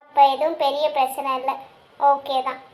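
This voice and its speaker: A woman voicing a gentle, troubled married woman who talks softly about her worries, in a cartoon. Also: high-pitched, little pitch movement, moderate pace, close to an everyday voice. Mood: worried. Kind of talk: cartoon voice acting.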